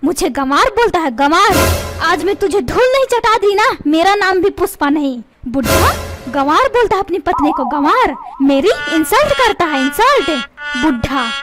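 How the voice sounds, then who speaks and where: A woman's voice: very high voice, sing-song, normal speed. A woman voicing a feisty cartoon mother. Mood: taunting. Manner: bickering, taunting. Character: sharp-tongued feisty mother. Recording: loud background music.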